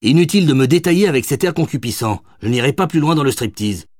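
A tipsy, teasing young Parisian woman, voiced by a male audiobook reader who writes with cheeky mock formality. The voice is lifted well above his own and swings widely in pitch. It has a slight husk, recorded close and dry. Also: lively intonation, fast, darkish tone, dry recording, natural voice. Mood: sharp.

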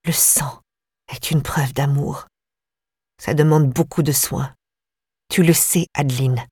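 A woman voicing a disturbed young woman, eerily calm and obsessive, in a slow, low murmur for an audiobook. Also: slightly rough, no echo, studio quality, exaggerated voice. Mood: eerie calm.

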